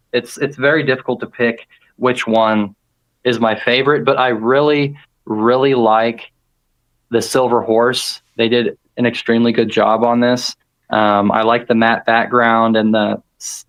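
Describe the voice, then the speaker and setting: Man, livestream co-host, mid-pitched, hesitant and eager, lots of restarts. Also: lo-fi sound. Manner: hesitant, repeats words, enthusiastic about coins. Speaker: co-host of a precious metals livestream. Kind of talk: casual livestream chat.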